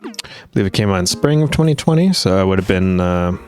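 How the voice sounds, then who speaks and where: A young adult man hosting a gaming video gives casual gameplay commentary in a very deep, worn, slightly rough voice. He's very animated and quick, rambling with many fillers, trailing off and restarting often, while game music plays clearly underneath.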